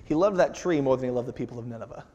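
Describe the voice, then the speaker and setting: A man's voice: mid-range voice, rapid-fire, mellow, highs cut off. A man preaching a sermon to his congregation, talking in an easy, conversational way and acting out the lines he quotes. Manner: conversational, acts out quotes with rising intensity. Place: church sanctuary. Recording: reverberant church hall.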